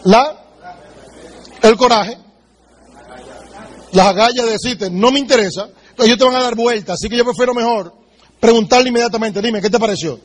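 A man's voice: extremely high pitch, normal speed, long pauses. A man giving a motivational sales training talk, direct and emphatic, speaking straight to the listener and acting out sales conversations. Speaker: business seminar speaker.

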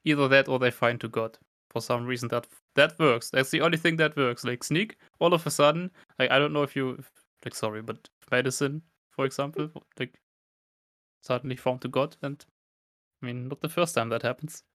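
A man on a podcast with a mid-pitched voice, chatting loosely and tossing in joking asides. His voice comes through dry and close, with no room sound. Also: moderate pace, fairly bright tone, dry recording. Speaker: podcast co-host. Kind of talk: casual podcast chat.

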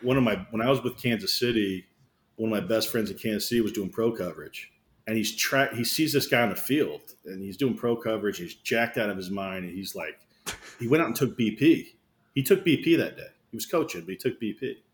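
A man as a podcast guest, a baseball scout, telling animated stories with frequent laughs. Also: fairly low pitch, a little fast. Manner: animated storytelling, laughs often. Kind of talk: casual podcast chat.

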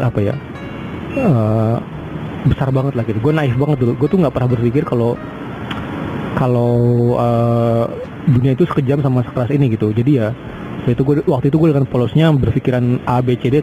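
A young man in his twenties rambles through a casual personal monologue, pausing often with fillers and restarting his sentences. His voice sits at an ordinary middle pitch. Clear traffic noise carries behind him outdoors. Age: 20s. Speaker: podcaster.

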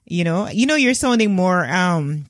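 Woman podcast host, lowish voice, slow measured talk, dry close mic. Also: animated, dry recording. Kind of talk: podcast interview.

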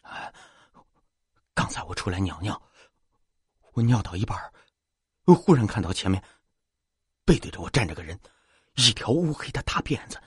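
A man's voice: lowish voice, very animated, normal speed, long pauses, husky, dry recording, studio quality, exaggerated voice. A man voicing a jittery young man who stammers and repeats his words, scared at first and then boastful. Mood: flustered.

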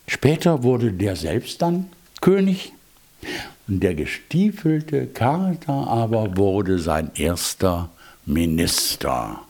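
An older man, a grandfather, telling a fairy tale with slow, gentle storytelling and chatty asides. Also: lowish voice. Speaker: grandfather reading fairy tales.

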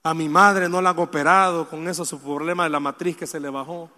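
A man preaching a sermon, addressing the congregation directly with questions and moving between soft, sorrowful confession and loud exhortation. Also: a little high, steady tone, fairly quick, in a large hall.

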